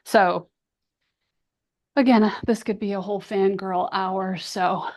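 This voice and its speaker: A woman host talks eagerly in a loose, rambling way. Her voice sits at a middle pitch. She strings her thoughts together with "you know" and "like.". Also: steady tone, slow, a little mellow. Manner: enthusiastic, rambling, heavy use of "you know" and "like". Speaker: interview host. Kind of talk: casual conversational interview.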